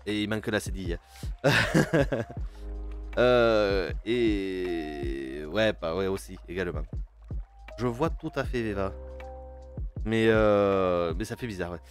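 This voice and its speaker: A man streaming a game live, hesitant and full of fillers, chatting with his viewers and reading game text aloud. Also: on the low side. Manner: hesitant, many fillers and restarts, chats with viewers.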